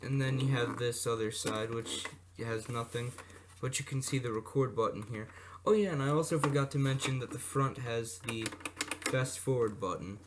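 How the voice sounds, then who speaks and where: A medium-pitched man talks at normal speed with hardly any pauses, giving a casual show-and-tell of vintage electronics as a hobbyist video presenter. He rambles off the cuff, tossing in asides and correcting himself; the recording is amateur, noisy, and clicky.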